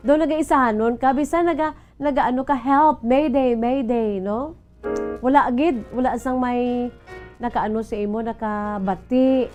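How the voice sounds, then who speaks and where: A woman radio host, talking slowly and gently to listeners and often checking in with them. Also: a little high, soft background music. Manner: slow, gentle, mixing Hiligaynon and English, asks listeners "no?". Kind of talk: reflective radio talk with sung snippets. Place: radio studio.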